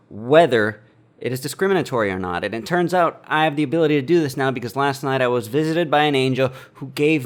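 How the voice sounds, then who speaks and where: Guy vlogging, deadpan fake-serious lecture, middle pitch. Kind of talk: deadpan satirical monologue.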